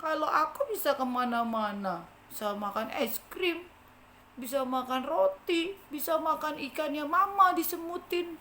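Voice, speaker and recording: A woman's voice: a little slow, sharp tone, slight background noise. A woman voicing a small ant crying out in panic for help, later meek and apologetic. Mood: remorseful. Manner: high crying cries for help.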